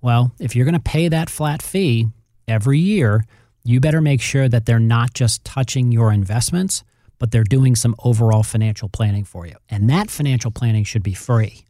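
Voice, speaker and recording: A man's voice: mid-range voice, normal speed, mellow, dry recording, clean studio sound. A man talking as a financial advisor, explaining things conversationally and addressing the listener directly with emphasis. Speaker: financial advisor on a radio show. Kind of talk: conversational advice talk.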